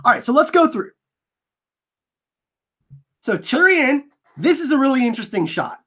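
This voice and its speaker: His pitch is extremely high and his pace normal as this excitable man analyzes trailers casually on his fan channel. He's clearly an enthusiastic fan, with a voice slightly scratchy from allergies.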